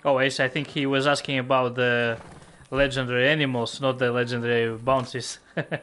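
A man's voice: mid-range voice, moderate pace. A man in his forties streaming a game live from home on a headset, reading and answering his viewers' chat. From lives in the United Kingdom. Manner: relaxed, chuckles often, reads and answers chat; yelps and pleads when under attack in game. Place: home room.

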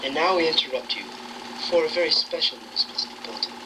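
A woman singing a silly parody carol in a giggly, drawn-out way, heard on an old home VHS tape recording. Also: deep voice, animated, noisy background.

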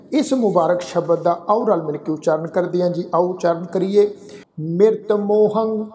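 Male recitation teacher, warm and mellow tone, patient letter-by-letter explanations, slow chanted verse readings. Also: sits high. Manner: patient, spells out each letter and vowel sign; recites verse lines slowly and drawn out.

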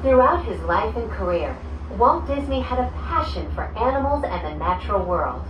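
A woman giving a polished, scripted welcome announcement, played over a loudspeaker in a ride cabin. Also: mid-range voice, big pitch swings, normal speed, muffled recording. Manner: bright, lilting and polished. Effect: played over a loudspeaker in a gondola cabin. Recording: echoey speaker heard from a distance with ride noise.

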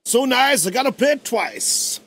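A man's voice: very high voice, wildly swooping pitch, measured pace. A man, a music producer, talks casually through his song in a live-streamed production tutorial, chatty and rambling.

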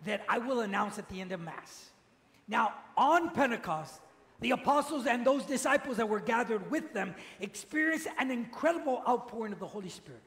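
High-voiced man preaching in echoey church. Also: fairly bright tone. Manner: teaching, has the congregation repeat after him. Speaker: priest. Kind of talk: sermon. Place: large church. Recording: echoey church with long reverb.

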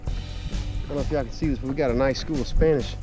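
A man hosting a fishing show from his kayak on an open lagoon, giving excited, laughing commentary to viewers, picked up by an action camera outdoors. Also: mid-range voice, fast, loud music behind the voice. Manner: animated, laughing, calls out to viewers. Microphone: action camera mounted on the kayak.

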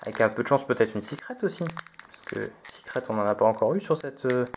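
A man hosting a relaxed card-pack opening video, chatty and hesitant, reading out each card name as he goes. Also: mid-range voice, a little fast, noisy background. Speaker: video host opening trading card packs. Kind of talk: relaxed unboxing commentary.

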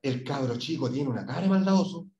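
A man's voice: mid-range voice, expressive, fast talker, mellow, muffled recording. Chilean man teaching English in an echoey classroom. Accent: Chilean Spanish. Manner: questioning, drills pronunciation. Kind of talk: classroom lesson. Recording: echoey room, mic far off.

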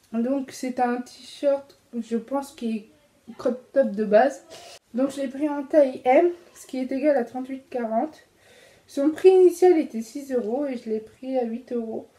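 Chatty high-voiced French woman. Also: measured pace, mellow, slight background noise. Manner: chatty, many fillers and self-corrections. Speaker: fashion vlogger. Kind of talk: casual clothing haul.

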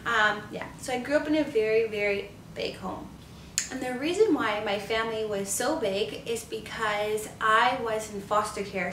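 An upbeat Canadian beauty vlogger in her twenties chats casually to the camera from a living room or home office, her fairly bright, slightly high female voice coming in quick bursts. She sounds set back from the mic in an echoey room, giving a roomy, slightly distant sound with a little background noise.

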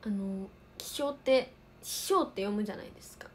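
At normal speed and in a mid-range voice, an idol livestream host chats casually and answers what viewers comment, with slight background noise. She is in her twenties, comes from Osaka, Japan, and has a light Kansai accent.

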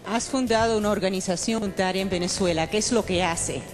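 A woman interprets live, phrase by phrase. Her medium-pitched voice carries a long hall reverb, with music audible behind it. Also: racing.

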